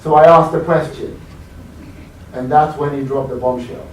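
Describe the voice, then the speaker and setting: Man, motivational speaker, animated storytelling, higher voice, echoey hall, heard from far off. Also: moderate pace, slight background noise. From United Kingdom. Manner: animated storyteller, questions and prompts the audience. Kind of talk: live motivational talk to an audience.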